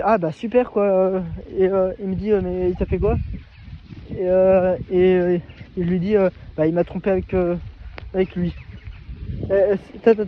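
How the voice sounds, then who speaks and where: Male vlogger, high voice, halting casual storytelling, muffled lo-fi sound. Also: slight background noise. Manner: hesitant, halting, many restarts. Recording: dull lo-fi recording.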